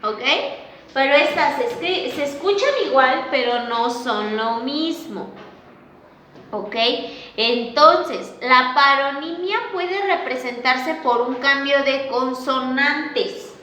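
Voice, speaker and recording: A woman lecturing slowly, with a high, bright voice, who keeps pausing to ask her class if they follow. The room around her is echoey, and her words ring out as she stretches out each example word with care. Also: slight background noise. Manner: slow and deliberate, checks understanding with a frequent questioning "¿ok?". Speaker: teacher.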